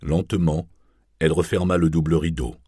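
A man narrating a novel in a measured, even audiobook reading. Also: very deep voice, breathy edge, no room sound, clean studio sound.

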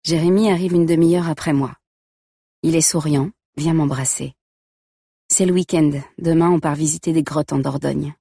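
Husky woman reading a story. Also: deep voice, steady tone, moderate pace, dark tone, no echo, studio quality. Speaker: narrator. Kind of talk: first-person story reading.

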